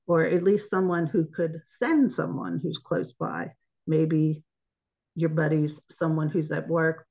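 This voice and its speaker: A woman's voice: low-pitched, vocal fry, darkish tone. A woman giving an informal online presentation, chatty and laughing at her own slip-ups, heard over a video call. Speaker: webinar presenter. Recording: dull lo-fi webinar audio.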